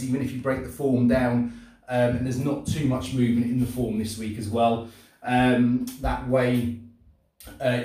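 A man's voice: medium pitch, a little mellow. Echoey, distant middle-aged male fitness instructor. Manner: coaching during exercise in short encouraging commands. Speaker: fitness and martial arts instructor. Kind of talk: live-streamed exercise class instruction. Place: indoor home gym, hard walls. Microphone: distant camera mic across the room. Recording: echoey room, far from the mic.

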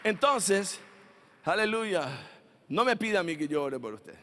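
High-voiced, emphatic pastor. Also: male voice, a little slow, big-room sound, slight background noise. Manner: emphatic, animated preaching with call-and-response. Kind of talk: sermon. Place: church.

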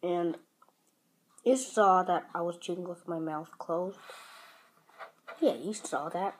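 A woman's voice: on the low side, takes it slowly, poor audio. A woman chatting casually in a home vlog, talking while she eats breakfast. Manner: chatty, talks while eating. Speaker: vlogger.

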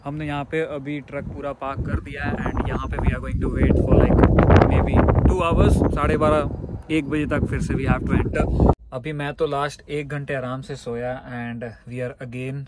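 A man's voice: medium pitch, steady tone, measured pace. Chatty young man vlogging by phone. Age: young adult. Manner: chatty, mixes Hindi and English. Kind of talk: casual vlog talk to camera. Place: outdoors at a truck depot and inside a truck cab. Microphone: phone held at arm's length. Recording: noisy outdoor phone recording.

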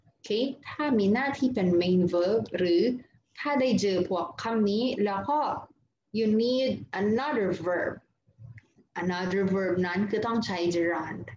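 Teaching English grammar online, this Thai-accented woman has a mid-range, somewhat dark voice. She blends Thai with English, reads word lists aloud, and answers her own questions. The sound is lo-fi, roomy and dull, with a little background noise.

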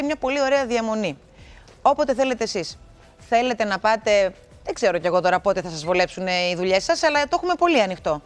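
A middle-aged woman hosting a TV game show, talking to viewers in a chatty, playful way. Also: mid-range voice. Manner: lively, chatty and playful, talks straight to viewers. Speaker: TV show host.

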